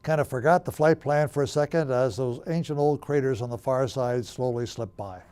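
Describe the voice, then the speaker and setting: A man's voice: mid-range voice, normal speed, darkish tone, clear, resonant tone. An older man, a former astronaut, telling a story from memory in a reminiscing style.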